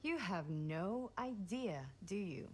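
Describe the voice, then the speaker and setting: An actress voicing a sharp-tongued, fed-up young adult sister in a video game, talking bluntly and sarcastically. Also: female voice, medium pitch, animated, slow pace, breathy edge. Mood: dry.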